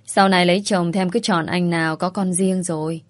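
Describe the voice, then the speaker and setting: A woman's voice: fairly low pitch, fairly even intonation, fairly quick, no echo, lightly acted. A woman voicing a sly, provocative young female teacher who teases and needles, in an audio story. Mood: needling. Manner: teasing, needling.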